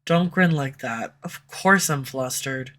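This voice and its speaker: With a very deep, expressive voice that's slightly bright and exaggerated, a woman slowly voices a flustered tsundere female villain in love. Defensive at first and then tender toward the listener, the audio roleplay was captured on a USB condenser mic at home.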